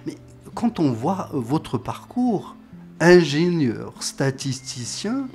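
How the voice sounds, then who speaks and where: A man hosting an interview, asking questions with frequent filler sounds and quick affirming interjections. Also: a little high, big pitch swings, a little mellow, soft background music. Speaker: interviewer, host.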